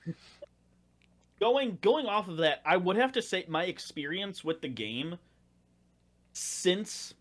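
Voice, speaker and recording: A man's voice: high-pitched, expressive, slow pace, long pauses, fairly bright tone. A young man chatting as a podcast guest, rambling with many likes and restarts. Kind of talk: casual chat.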